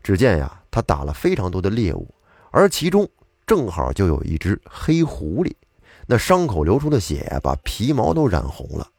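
A man's voice: on the low side, huge pitch swings, moderate pace, gravelly, a little mellow, breathy edge, no echo, clean studio sound. A man telling an old tale of spirits in a chatty, colloquial way, with asides to the listener. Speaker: storyteller. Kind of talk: casual storytelling of old tales.

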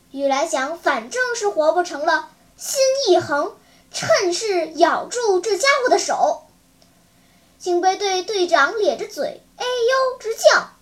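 Lady reading a kids' story out loud, really high voice, dramatic and vivid. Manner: vivid, dramatic, clear enunciation. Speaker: children's storyteller. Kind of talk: expressive storybook narration.

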